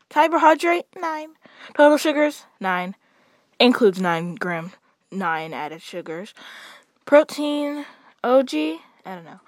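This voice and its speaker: A woman's voice: on the high side, no echo. Woman reading out a list in a sing-song way. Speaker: co-host, the host's daughter. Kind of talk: casual chat, reading a label aloud.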